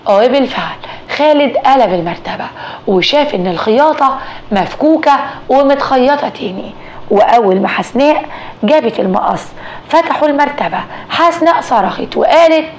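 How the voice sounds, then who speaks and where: A woman with an Egyptian accent narrating a dramatic story in a brisk, lively way. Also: high-pitched, slight background noise.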